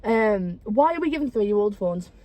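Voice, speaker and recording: A woman's voice: mid-range voice, moderate pace. A woman in her twenties hosting a podcast, telling blunt, sweary stories in casual chat. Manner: blunt, sweary, animated storyteller. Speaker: podcast host.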